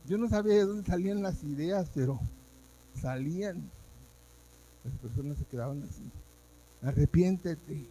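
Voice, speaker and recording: A man with a fairly high voice speaks at normal speed with long pauses and a dark tone, over a low-quality recording with slight hiss or hum. He's a pastor preaching at a church service, emotionally recounting his testimony and acting out words he once said.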